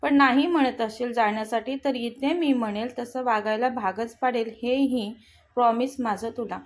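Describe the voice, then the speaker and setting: A woman's voice: a little high, normal speed, close to an everyday voice. A woman voicing a stubborn, playful young husband in a storybook reading, in a teasing and insistent way.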